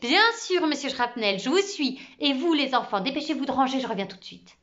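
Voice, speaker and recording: A woman voicing a cheerful, eccentric schoolteacher who talks in quick, eager bursts, in a storybook reading. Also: high-pitched, lively intonation, fairly bright tone, dull audio, pitched above the performer's own voice.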